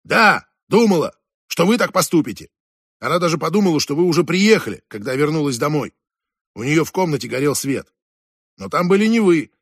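A gruff middle-aged inspector, read by a man, barks short, impatient demands. His voice is husky and a little high for a man. The sound is dry and close, as in a studio audiobook. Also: big pitch swings, brisk, no echo, exaggerated voice. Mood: stern. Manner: brusque, impatient, calls the other fool. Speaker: police inspector.

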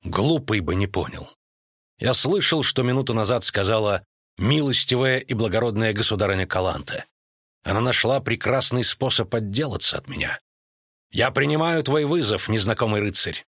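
A man reading an audiobook voices a spiked armored knight who speaks in a muffled, flat way. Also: on the low side, normal speed, no room sound, clean studio sound. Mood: guarded.

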